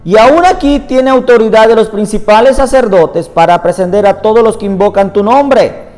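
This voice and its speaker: A man's voice: high voice, moderate pace. A man preaching a sermon in Spanish, earnest, reading scripture aloud at length. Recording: reverberant room with soft music behind.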